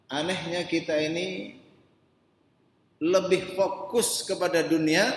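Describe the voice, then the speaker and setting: A man's voice: high voice, a little hiss or hum. Man, raised voice, conversational preacher, echoey hall. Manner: conversational, asks the men in the congregation questions directly; swings between quiet asides and loud emphatic rises. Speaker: ustadz preacher. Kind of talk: mosque sermon. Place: mosque hall. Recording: echoey mosque hall, voice distant.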